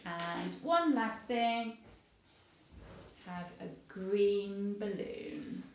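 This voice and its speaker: Speaking very slowly in a medium-pitched voice, a woman who presents and reads stories for a playgroup addresses young viewers in simple, child-friendly phrases. There's a little background noise.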